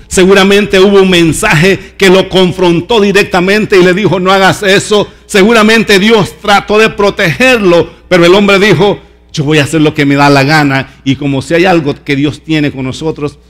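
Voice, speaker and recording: High-voiced emphatic preaching pastor. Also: male voice. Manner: emphatic, lively, acts out voices. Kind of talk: sermon.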